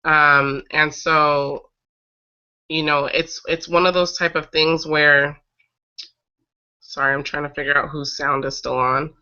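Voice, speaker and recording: Recovering from a cold, this online breastfeeding advocacy host shares stories during a relaxed live webcast on a video call. She sounds low and bright yet a little raspy, with fairly even intonation, and her speech is halting as she pauses mid-sentence to regroup. The call audio is dull and lo-fi.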